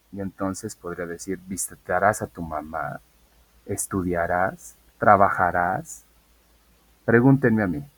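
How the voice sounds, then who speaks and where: A man's voice: medium pitch, dry recording. A man teaching an English class online, explaining patiently and asking students questions.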